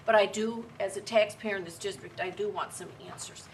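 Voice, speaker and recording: A woman's voice: mid-range voice, steady tone, a little fast. A woman giving an earnest, insistent public comment as a member of the community addressing a board. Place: indoor board meeting room. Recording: distant mic, faint room noise.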